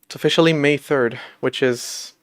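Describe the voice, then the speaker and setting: A man's voice: mid-range voice, fairly even intonation, normal speed, no room sound. Late-twenties male streamer, mid-range voice, dry close sound, casual self-deprecating rambling. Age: late 20s. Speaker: livestreamer coding an operating system. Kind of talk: casual livestream chat.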